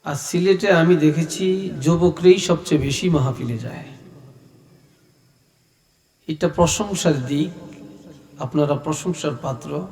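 A middle-aged man preaches a sermon in a slow, gentle, unhurried way. His voice sits a little high for a man. It rings out through a public address system, and a long echo trails after each phrase. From Bangladesh. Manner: slow, soft-spoken, unhurried. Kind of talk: sermon at an open-air gathering. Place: open-air religious gathering. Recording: echoey reverberant public address.

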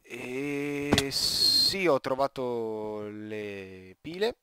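A man's voice: mid-range voice, drawn-out words, very noisy. A teenage man from Italy giving casual, rambling gameplay commentary, often stopping mid-word and joking to himself. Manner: rambling, self-interrupting, joking asides. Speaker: gaming YouTuber.

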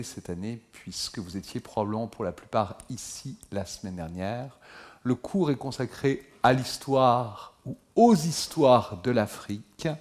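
A man's voice: mid-range voice, a little mellow. A middle-aged man, a historian, speaking formally and courteously to an audience in a lecture hall. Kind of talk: formal public address.

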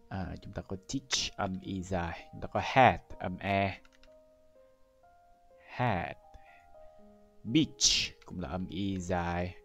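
A man's voice: deep voice, gravelly, a bit bright. A man from Vietnam teaching English, walking a class through an entrance exam step by step and speaking straight to the students. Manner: explains step by step, addresses class directly. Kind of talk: exam-prep lesson walkthrough.

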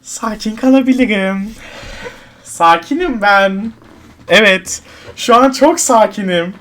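An online game streamer gives gameplay commentary at his computer in a high-sitting, slightly bright voice at a slow pace. He counts numbers under his breath and grumbles in frustration at an item.

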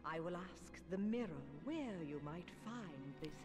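A woman's voice: fairly low pitch, expressive, unhurried. A woman playing a cold, vain evil queen in a video game, with commanding, theatrical, archaic diction. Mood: cold, menacing. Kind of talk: video game cutscene acting. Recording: music over game dialogue.

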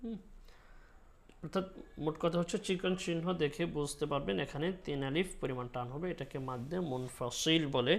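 A man gives a spoken recitation lesson at a patient, unhurried pace. His voice sits a little high, and he pauses often with fillers between points. He slips into long, drawn-out chanted syllables as he demonstrates. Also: creaky. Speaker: Quran recitation teacher.

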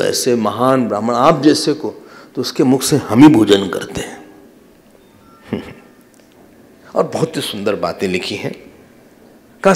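A man giving a scripture discourse as a swami, animated and teaching with laughs and quoted voices. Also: medium pitch, big-room sound. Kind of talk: sermon.

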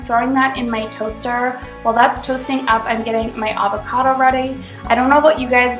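Cheerful and talkative, a young woman who hosts a cooking channel walks through a recipe step by step, her slightly high voice stuffy from a cold. Light music plays beneath this casual voice-over, recorded in a spacious home kitchen.

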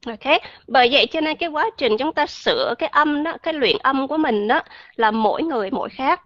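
A woman's voice: high voice, a little fast, fairly bright tone, dry recording, dull audio. A woman teaching an online English pronunciation lesson, chatty and checking often on her listeners.

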